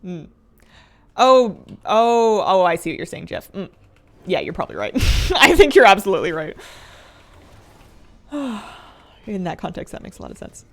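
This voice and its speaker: Playful woman streamer with lively pitch. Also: normal speed, pauses often. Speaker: game livestreamer. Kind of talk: casual livestream chat with viewers while gaming.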